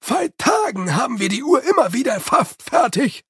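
A man voicing a grumbling, hunched male manservant who speaks in loud, emphatic bursts. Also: very high voice, very animated, moderate pace, slightly rough, no room sound, studio quality, pitched above the performer's own voice, heavily acted. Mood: gruff.

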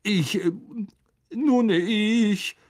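A reader voicing a vain, flustered male teacher with a high, stammering voice. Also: drawn-out words, darkish tone.

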